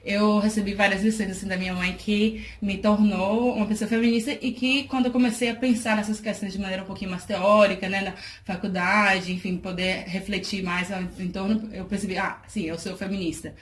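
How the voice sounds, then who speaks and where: A woman's voice: mid-range voice, flat delivery, a little fast, few pauses. Thoughtful woman in echoey room. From Salvador, Bahia, Brazil. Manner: thoughtful, many fillers and restarts, laughs easily. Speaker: guest, charity project worker. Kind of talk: casual interview talk. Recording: echoey room, faint noise.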